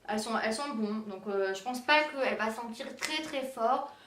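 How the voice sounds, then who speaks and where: A woman's voice: fairly high pitch, moderate pace, a bit bright, slight background noise. A young woman chatting casually through a shopping haul, hesitant, with many fillers. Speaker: beauty and decor vlogger. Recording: roomy echo, distant mic.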